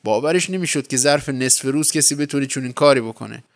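A man narrating a folk tale for a podcast in a relaxed, colloquial storytelling manner. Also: mid-range voice.

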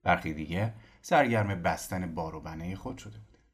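A man narrating a novel as an audiobook in an expressive storytelling manner. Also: deep voice, husky. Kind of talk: scripted narration.

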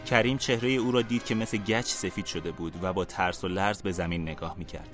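Low-voiced man reading a story. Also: fairly even intonation, music in the background. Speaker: podcast story reader. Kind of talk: storybook narration.

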